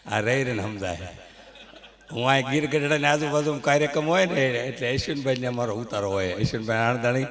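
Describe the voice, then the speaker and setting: A man's voice: mid-range voice, fairly quick, fairly bright tone. Middle-aged guy cracking jokes on a stage mic, big storyteller energy. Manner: storytelling with punchlines, leading audience applause. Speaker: stand-up comedian on stage. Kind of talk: live folk comedy monologue. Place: temple event stage with live audience. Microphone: stage microphone.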